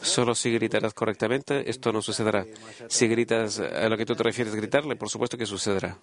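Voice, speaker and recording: Man, voice-over of a conversation, earnest, halting, frequent fillers. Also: fairly low pitch, steady tone.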